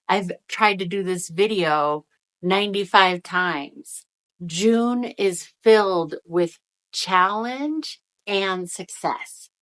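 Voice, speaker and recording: A spiritual energy-reading video host gives viewers a casual, encouraging, emphatic motivational talk, speaking out of the side of a mouth still numb from the dentist. Her voice is fairly low in pitch with a fairly bright tone.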